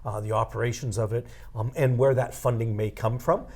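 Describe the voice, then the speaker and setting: A middle-aged man giving an earnest interview about his organization, halting and repeating words as he goes. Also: mid-range voice, steady tone, darkish tone. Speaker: outgoing executive director. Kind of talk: studio interview.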